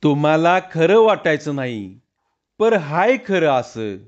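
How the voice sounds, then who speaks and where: A man's voice: fairly high pitch, very animated, takes it slowly, lo-fi sound. A man voicing a frightened, sickly, thin village man with a weak, faint voice and hesitant, pleading speech. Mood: fearful.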